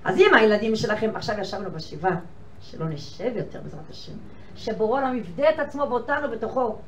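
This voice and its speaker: An older woman delivers a lively lecture, acting out conversations with sudden leaps in pitch and loudness. She sounds distant, caught from across an echoey hall with a faint hiss behind her. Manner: animated, acts out dialogues with big swings in pitch and volume. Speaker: rebbetzin lecturing women. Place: lecture hall with an audience of women.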